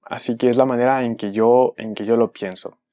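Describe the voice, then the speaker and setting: A man, a native speaker, giving a careful explanatory video lesson, often pausing to rephrase himself. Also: medium pitch, fairly even intonation, mellow. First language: Spanish. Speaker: language teacher.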